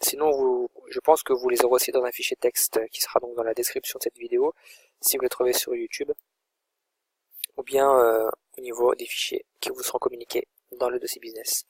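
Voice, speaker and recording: A man narrates a screen-recorded tutorial in a loose, thinking-aloud way, narrating every click as he makes it. His voice is mid-pitched with a slightly husky edge. The sound is dry and close, with no room echo. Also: flat delivery, fairly quick. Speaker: online course instructor.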